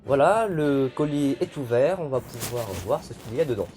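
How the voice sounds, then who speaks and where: A man's voice: mid-range voice, animated, moderate pace, a little mellow. A young man presenting an unboxing video in a casual, hesitant way, with many fillers. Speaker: YouTuber unboxing militaria. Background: background music.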